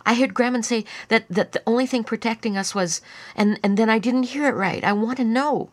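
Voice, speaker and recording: A woman voicing an indignant, bossy young boy in a storybook, talking loud and high. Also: a little fast, natural voice. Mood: anxious.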